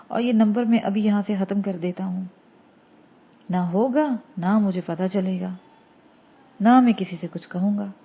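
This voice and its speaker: A woman narrator reading a novel in a steady first-person way. Her voice is husky at a middle pitch, and the recording sounds a bit dull and lo-fi. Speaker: audiobook narrator.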